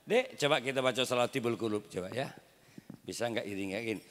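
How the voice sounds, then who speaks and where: Bright-voiced East Javanese preacher. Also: male voice, mid-range voice, quick pace. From Indonesia. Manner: jokey storytelling with chanted Arabic verses. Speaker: Islamic preacher (kiai). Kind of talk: humorous sermon. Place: religious gathering. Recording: reverberant hall sound system.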